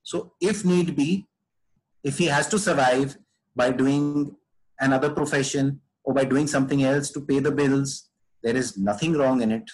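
Male podcast guest, mid-pitched voice, conversational and earnest, leaning on repeated phrases for stress. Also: moderate pace, darkish tone, low-quality recording.

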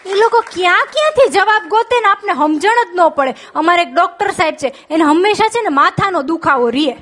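A woman with a Gujarati accent doing stand-up, telling jokes and stories and reciting verses slowly. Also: very high voice, animated, a bit bright. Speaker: stand-up comedian.

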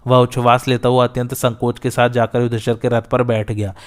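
A man narrating an ancient epic battle story in a steady, measured reading. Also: mid-range voice.

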